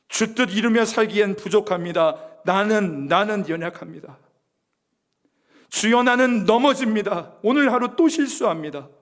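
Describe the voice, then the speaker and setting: A remorseful disciple, voiced by a man confessing in prayer, fervent and pleading. The words come slow and emphatic in a voice pitched a little high.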